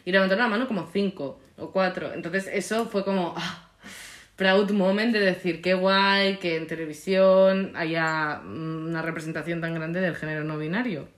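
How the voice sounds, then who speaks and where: A young woman with a Spain Spanish accent, chatting in an animated way and peppering her talk with English slang. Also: fairly low pitch, moderate pace, roomy sound. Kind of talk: casual chat.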